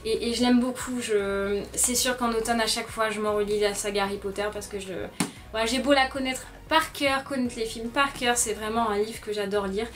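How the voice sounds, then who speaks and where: A young woman chatting casually about her favorite products, often pausing with "euh" and sounding warmly enthusiastic. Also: fairly high pitch, steady tone. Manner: chatty, frequent "euh" fillers, gentle and enthusiastic. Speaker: beauty vlogger. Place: bedroom. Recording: slightly distant mic, soft music underneath.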